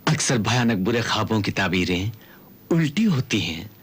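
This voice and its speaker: Gentle king father in a TV fantasy drama, husky and soothing. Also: on the low side, sing-song, normal speed. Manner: soothing, consoling.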